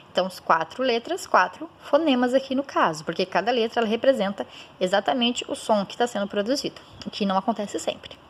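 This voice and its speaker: A woman teacher giving a recorded school lesson, sounding out words slowly syllable by syllable and often checking in with a quick question. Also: mid-range voice. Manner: frequent checking "certo?".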